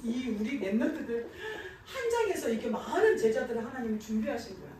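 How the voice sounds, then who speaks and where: Animated woman preaching to children. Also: on the high side, a little fast, a little hiss or hum. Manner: animated, asks the children questions and answers them. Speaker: children's pastor. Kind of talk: children's sermon. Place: church sanctuary. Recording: echoey church hall, mic far off.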